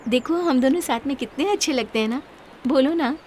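A woman's voice: sits high, brisk, darkish tone, slight background noise, lightly acted. An actress dubbing a playful, impulsive young woman in a romantic film, coaxing and apologetic. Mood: earnest. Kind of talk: Hindi film dub.

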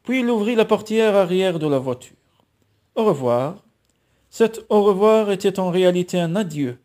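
Homme lisant un roman, voix douce. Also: male voice, high voice, animated, fairly quick, darkish tone. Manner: narration posée, voix aux personnages. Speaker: lecteur de roman. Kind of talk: lecture de roman à voix haute.

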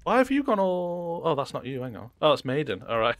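A man's voice: a little high, sing-song, moderate pace, no echo. A young man playing along in a game stream, giggling, teasing and humming tunes. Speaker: co-player. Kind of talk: casual gameplay banter.

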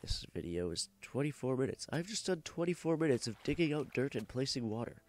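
A young man with a cough, sick, delivers casual let's-play commentary in a mid-range voice with big pitch swings, a slightly fast pace and a darkish tone. He rambles, jokes, swears freely and corrects himself mid-sentence.

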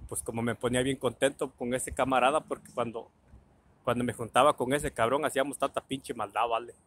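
A man's voice: medium pitch, steady tone, fairly quick, a bit bright. A man telling a casual anecdote about his childhood, colloquial and full of swearing, acting out the people in his story.

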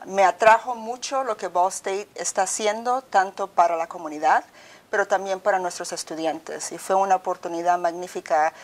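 Measured woman from El Salvador, interviewed. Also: on the low side. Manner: measured, articulate. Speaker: university provost. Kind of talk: formal interview answers. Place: office with bookshelves, indoors. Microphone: lapel.

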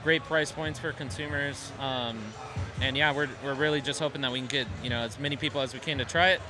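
A man's voice: medium pitch, steady tone, brisk, music in the background. A young man giving a casual, polite product explanation in an interview. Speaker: company representative being interviewed. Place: trade show booth indoors. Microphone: handheld microphone held by interviewer.

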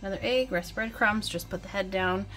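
A woman's voice: medium pitch, a little fast. Woman thinking aloud in home kitchen. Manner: relaxed, thinking aloud while working. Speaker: home cook vlogger. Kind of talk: casual cook-with-me narration. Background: loud background music.

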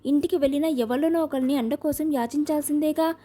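A woman's voice: high-pitched, fast talker, warm tone, lightly acted. A woman voicing a fretful, fond old grandmother in an audio novel, coaxing and chiding.

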